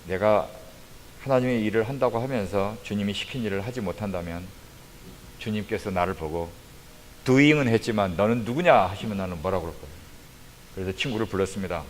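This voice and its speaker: A man preaching a testimony sermon as a missionary, telling his story with lively acted-out quotes. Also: on the low side, brisk, a little hiss or hum. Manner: animated storytelling, acts out quoted voices. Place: church sanctuary. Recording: long hall reverb.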